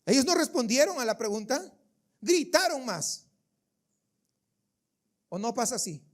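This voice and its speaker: A man's voice: very high voice, big pitch swings, a little slow. A man preaching a sermon as pastor of a church service, emphatic and full of rhetorical questions aimed at the congregation.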